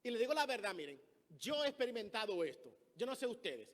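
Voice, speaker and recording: A man from the Republic, preaching a sermon, swinging between loud emphatic phrases and soft ones. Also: extremely high pitch, very animated, fast. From Dominican Republic. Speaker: pastor. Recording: long hall reverb.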